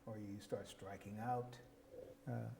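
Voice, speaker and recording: A man speaking in a measured, explanatory way with frequent pauses, in a reflective group discussion. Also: fairly low pitch, flat delivery, creaky, in a large hall, crowd noise. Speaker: discussion panelist.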